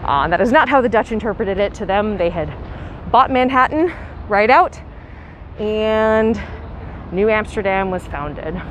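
A woman's voice: medium pitch, lively intonation, unhurried. A young woman tour guide narrating a walking tour outdoors in a city park, chatty and explanatory. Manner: chatty, explanatory, with light laughs. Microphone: handheld camera, guide mostly off screen. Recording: faint outdoor city noise.

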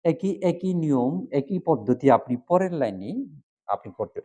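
A monk with a Bangladeshi Bengali accent teaching Pali pronunciation, patiently repeating syllables one by one for the viewer. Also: male voice, on the high side, sing-song, unhurried, mellow. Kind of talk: pronunciation lesson.

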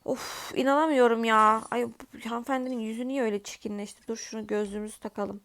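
High-voiced Turkish woman gaming vlogger. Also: steady tone, quick pace, fairly bright tone. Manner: dramatic, pleading and exclaiming. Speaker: gaming YouTuber. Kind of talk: casual gameplay commentary.

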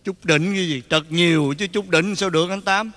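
A man's voice: sits high, a little fast, dry recording. A man playing a comic older family friend who chides and lectures, in Vietnamese folk opera acting. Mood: lecturing. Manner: chiding and lecturing, half sung. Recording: loud instrumental music behind.

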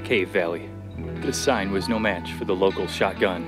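A man's voice: low-pitched, normal speed, music in the background. A man walking a long desert trail and talking to his camera in an easygoing, rambling, reflective way, with plenty of "uh" and "like". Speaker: solo thru-hiker filming his trip. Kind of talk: casual vlog narration. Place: outdoors in open desert.

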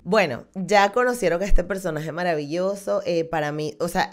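A woman, hosting a podcast and talking expressively into a studio mic in a small room. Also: lowish voice. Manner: animated, gestures a lot with her hands. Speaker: podcast host. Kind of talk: casual podcast outro. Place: small room with dark wall. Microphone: studio condenser mic on stand.

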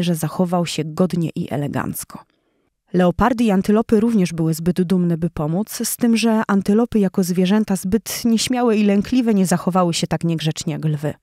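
A woman narrating a children's audiobook in a clear, even storytelling voice. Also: lowish voice, no room sound, clean studio sound.

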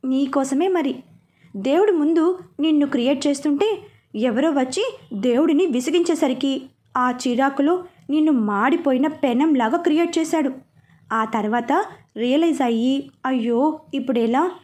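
A woman reads the lines of a bubbly, teasing young heroine who chatters and loves to mimic, in a high, bright voice quick with playful jabs. It's lightly acted and sounds like storybook dialogue read aloud.

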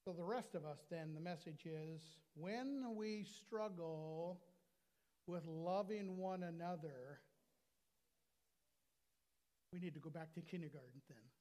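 An older American man preaching a sermon from the pulpit of a small church, slowing down to stress his words. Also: on the high side, mellow. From United States. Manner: earnest preaching, slows and stresses key words. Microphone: lapel mic at a pulpit.

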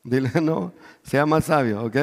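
A middle-aged pastor, a native English speaker, delivers a Spanish sermon from a large church stage in a mid-range voice at a measured pace. He paces and gestures, peppers his words with hallelujahs, calls for amen, and builds toward near shouts. A big hall's long reverb surrounds him.

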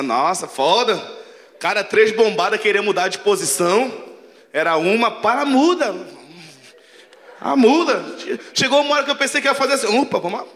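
A man's voice: high voice, fairly bright tone, a little hiss or hum. A man from Pará doing a crude, brash stand-up comedy set on a large theater stage, acting out the voices of people in his stories. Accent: Pará Brazilian Portuguese. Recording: live theater hall with crowd laughter.

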